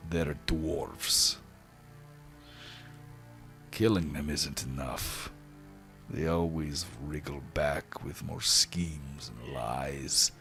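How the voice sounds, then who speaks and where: A man voicing a stern, gruff barbarian father who rants with bitter emphasis, loud and rough. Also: extremely low pitch, heavily acted.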